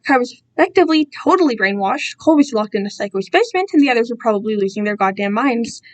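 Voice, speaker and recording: Reading a story aloud in an amateur dramatic style, this woman narrates quickly in a slightly high voice, with an informal, emotive and expressive delivery.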